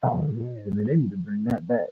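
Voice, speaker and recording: A man's voice: on the low side, moderate pace, husky, dry recording. A man telling stories in a casual chat with laid-back street slang, his voice muffled as if heard through a wall and set back from the microphone. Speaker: speaker in an online audio chat room. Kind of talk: casual storytelling.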